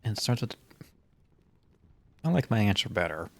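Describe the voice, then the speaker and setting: A man's voice: fairly low pitch, sing-song, normal speed, no echo. A man giving casual, wry gameplay commentary as a video game streamer.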